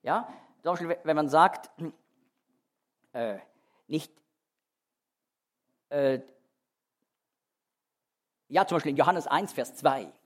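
A man's voice: fairly high pitch, slow pace, pauses often. A man teaching a sermon verse by verse, explaining emphatically and often restarting his sentences. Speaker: Bible teacher. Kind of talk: expository sermon.

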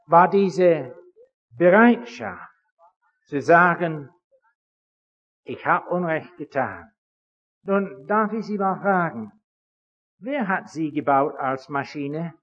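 A man with a husky, fairly high voice that swings widely in pitch gives a religious lecture to an audience. He tells his stories in an animated way and acts out each side of the dialogue. The recording is dull and lo-fi, with a long echo from a big hall. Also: slow, long pauses. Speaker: speaker addressing an audience.

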